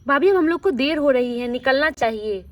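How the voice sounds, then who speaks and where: A polite young bridegroom is eager to set off, voiced by a woman. The voice is high for a man. He speaks with courteous haste. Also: lively intonation, a little fast. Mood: hurried.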